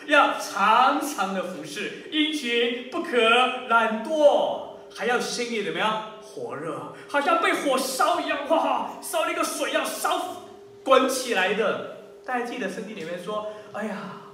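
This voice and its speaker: A man preaching as a pastor, animated, full of rhetorical questions and repetition. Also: extremely high pitch, unhurried, far from the mic. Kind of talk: sermon. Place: church hall. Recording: very echoey hall, voice off-mic, faint hum.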